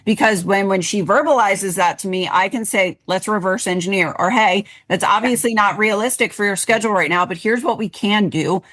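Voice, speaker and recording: A woman's voice: mid-range voice, a little fast, hardly any pauses, fairly bright tone. A woman co-hosting a podcast, talking directly and repetitively about coaching clients. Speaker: podcast co-host, health coach. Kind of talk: casual podcast chat.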